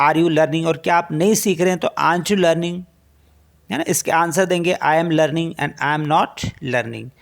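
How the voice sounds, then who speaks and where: A man, a native Hindi speaker, teaching spoken English in a lesson, reading out example sentences slowly and repeating them for practice. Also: high voice, creaky.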